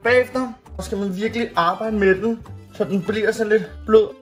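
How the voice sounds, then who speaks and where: A man's voice: high voice, fairly even intonation. A man in his thirties, a fitness coach, talking playfully and theatrically through a cooking vlog in a small home kitchen. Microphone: camera at medium distance. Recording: echoey kitchen with faint music.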